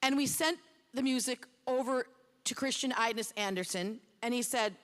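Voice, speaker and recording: A woman's voice: on the high side, normal speed, fairly bright tone. A middle-aged woman presenting an award off the cuff, rambling and chatty and poking fun at herself. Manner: rambling, chatty, self-deprecating. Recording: long reverb in a hall.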